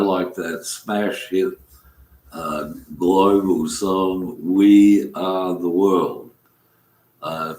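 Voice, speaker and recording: Man, deep bass, slow halting monologue, roomy echo. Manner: halting, many fillers and restarts. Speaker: commentator. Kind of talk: rambling spoken monologue. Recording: echoey room.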